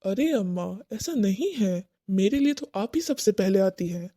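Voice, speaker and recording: A woman's voice: medium pitch, lively intonation, moderate pace, dark tone, natural voice. A woman voicing a flustered young husband who pleads and tries to placate his mother and his wife. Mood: pleading.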